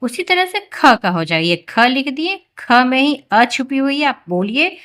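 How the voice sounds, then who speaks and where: A patient woman teacher walks children through the alphabet at a slow, unhurried pace. Her voice is bright and forceful, and she stretches each syllable and calls the letters out loudly so they can repeat them. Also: high voice, expressive. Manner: slow, patient, drawn-out syllables, raises voice when reciting letters. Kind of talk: Hindi alphabet lesson for children.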